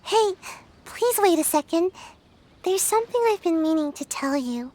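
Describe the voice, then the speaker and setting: A woman's voice: very high voice, expressive, normal speed, mellow. A woman voicing a lazy, sleepy young girl ninja in a game, talking in a drowsy, offhand, teasing way. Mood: reflective. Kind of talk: game voice acting.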